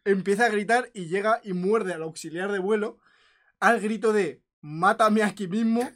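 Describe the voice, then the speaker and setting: A man's voice: high voice, fairly even intonation, normal speed. A man from Spain co-hosting a comedy podcast, reading out a news story with frequent laughter and playful voices. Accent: Spanish from Spain. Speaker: podcast co-host. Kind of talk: casual comedic chat.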